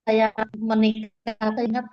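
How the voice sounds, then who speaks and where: A woman telling her life story over an online call whose audio is choppy and breaking up; she speaks haltingly and repeats words as she remembers. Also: a little high, monotone, lo-fi sound. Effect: choppy, breaking-up internet call audio. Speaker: guest giving a testimony.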